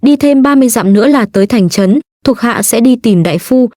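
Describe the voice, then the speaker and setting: A woman's voice: on the high side, expressive, brisk, dark tone, no room sound, clean studio sound. A woman doing an earnest, loyal young guard. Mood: respectful. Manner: deferential.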